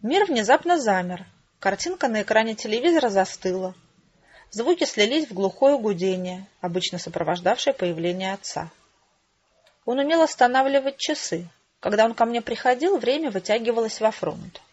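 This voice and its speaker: A woman reading an audiobook as narrator, in steady, even storytelling. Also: a little high, normal speed, lo-fi sound. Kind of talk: scripted narration.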